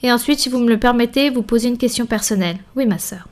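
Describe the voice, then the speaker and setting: A fairly high-pitched woman with a darkish tone voices a Bible study and a church member's testimony in French. Her delivery comes in earnest, measured short phrases.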